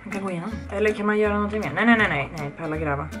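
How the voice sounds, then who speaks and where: A young woman giving casual let's-play commentary, chatty and excitable, swearing often and reading game text aloud. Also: mid-range voice. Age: young adult. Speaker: gaming video creator. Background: background music.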